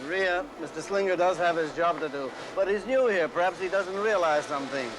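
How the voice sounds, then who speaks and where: A placating factory owner, played by a man, talks down to his workers and keeps ending lines with "eh?". His voice sits a little high, with clear noise under the film scene. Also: brisk, natural voice. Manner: soothing, patronizing, tags lines with "eh?". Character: paternal older male factory owner, smooth and placating.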